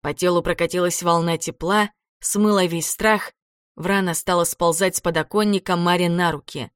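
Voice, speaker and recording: A woman's voice: lowish voice, normal speed, smooth, dry recording, clean studio sound. Woman narrating a dramatic audiobook. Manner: dramatic, expressive.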